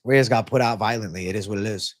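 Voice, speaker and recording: A man with a fairly low voice and a blocked-up nose speaks quickly while hosting an informal livestream about fight betting. He reads viewer comments out loud in a chill, slangy way, cursing without restraint.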